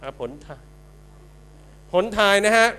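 A man emceeing a guessing game at a celebration, excited and exclaiming as he coaxes the crowd. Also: takes it slowly. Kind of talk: lively event hosting.

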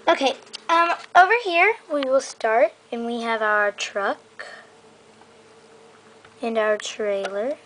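A young female vlogger, her voice a little high, talks slowly with long pauses while giving a rambling show-and-tell of her toy horse stable. She leans on "um" and "so yeah" throughout. The handheld camera mic on her indoor bedroom floor captures a noisy background.

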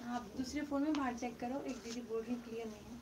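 A middle-aged woman selling used silk sarees on a live stream from home, speaking loudly into her phone and repeating the prices. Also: a little high, fast, noisy background. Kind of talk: live-stream sales chat. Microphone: phone mic, no external microphone.

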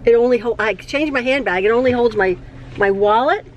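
Sitting in a parked car, a middle-aged vlogger and mom talks casually to her phone at arm's length, rambling along with frequent restarts and laughter. She speaks a little fast in a highish voice, and the audio is dull with a little hiss or hum.

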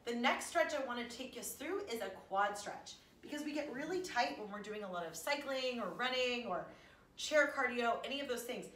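A chatty, encouraging woman in her thirties leads a casual stretching workout as a fitness instructor from her living room at home. Her fairly high, slightly bright voice has lively intonation at a moderate pace. The camera sits a few meters away, so the sound is roomy and distant with faint room noise.

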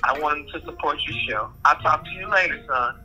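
An older woman, a guest's mother, talking quietly and briefly through a phone on speakerphone. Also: low voice, brisk, faint music behind. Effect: heard over a phone on speakerphone. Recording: distant tinny speakerphone sound.

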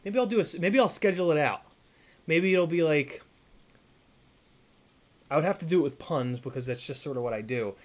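In his thirties, a man streams live from a home workshop indoors, chatting casually with viewers as he rambles and swears, full of fillers and restarts. His voice is a little high and brisk, broken by long pauses.

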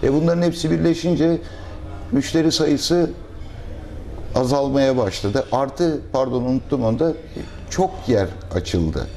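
A middle-aged man, a restaurant owner, answering interview questions in a measured, thoughtful way with pauses and fillers, recorded on a lapel mic in a restaurant dining room. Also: medium pitch, mellow, a little hiss or hum.

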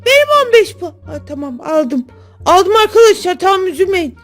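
Woman game-video host, very high voice, chatty and excitable, soft game music behind. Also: normal speed. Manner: excitable, chatty, often calling out to viewers. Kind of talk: casual game commentary.

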